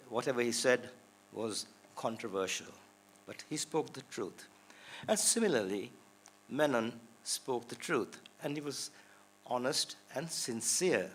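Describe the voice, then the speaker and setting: A man's voice: mid-range voice, fairly bright tone, a little hiss or hum. A man in his sixties from Sri Lanka speaks at a panel discussion. His voice sits in the middle range, and he talks earnestly, pushing hard on key words. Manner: earnest, rising to emphatic stresses. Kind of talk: public talk at a panel. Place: lecture hall.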